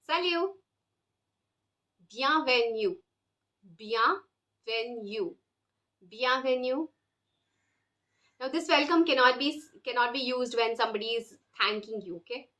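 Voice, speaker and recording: A woman's voice: high voice, a little slow, pauses often, pushed and bright. A woman teaching a beginner language lesson, explaining patiently and drilling words for the listener to repeat. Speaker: French teacher.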